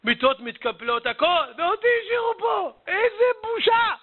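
A man's voice: very high-pitched, steady tone. A man voicing a weeping female prayer shawl that complains plaintively about being left behind. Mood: lamenting. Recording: tinny phone-like audio.

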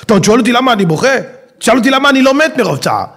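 A poor woodcutter pleads and wails in a high, strained voice, as a preacher puts him on. He sounds desperate one moment and giddy the next, his pitch leaping about. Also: very animated, slightly rough, full character voice. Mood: pleading. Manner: wailing, pleading, exclaiming. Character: poor, weeping woodcutter man, whiny and then giddy.

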